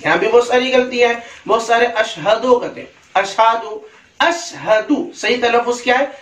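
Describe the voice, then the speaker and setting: A man with a high voice, teaching a religious lesson in an echoey room and sitting a little back from the mic. He recites each Arabic phrase slowly and with care, then explains the corrections at a brisk pace. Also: a bit bright, distant mic. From India. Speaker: Islamic scholar teaching prayer recitation.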